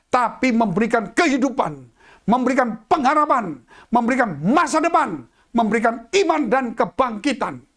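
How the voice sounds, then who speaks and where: A man preaching a sermon in a dramatic, swinging style, dropping to hushed tones and rising again as he addresses the congregation. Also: very high voice. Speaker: pastor. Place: church.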